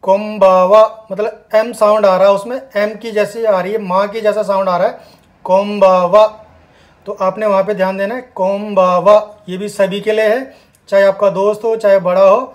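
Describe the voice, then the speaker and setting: A man teaching a spoken language lesson, repeating words slowly and emphatically for learners to copy. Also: high-pitched, level tone. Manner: slow, emphatic repetition of words.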